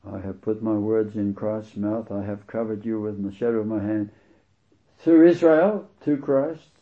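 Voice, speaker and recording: Emphatic male preacher on a dull recording. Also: fairly low pitch. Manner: emphatic, slows down to stress key words; reads scripture aloud and comments on it. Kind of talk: sermon.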